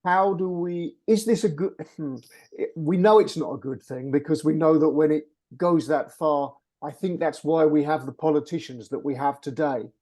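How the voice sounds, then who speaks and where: A man's voice: fairly high pitch, steady tone, moderate pace, dark tone. A man interviewing in a reflective spiritual conversation, searching for his words and often repeating himself. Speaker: interviewer questioning a channeler.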